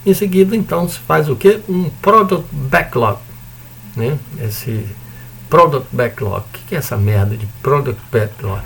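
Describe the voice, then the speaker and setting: An unhurried university lecturer with a Brazilian Portuguese accent speaks in a medium-pitched, slightly bright voice with vocal fry and lively intonation. His informal recorded lecture is conversational, full of tag questions, with mild swearing and jokes thrown in.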